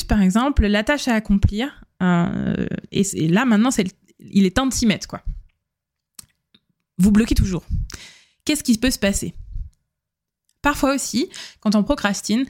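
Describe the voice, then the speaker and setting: A woman hosts a solo podcast, giving practical advice in a relaxed, chatty way. She fills her talk with hesitations and corrects herself as she goes. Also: mid-range voice. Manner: chatty, many fillers and self-corrections. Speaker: podcast host.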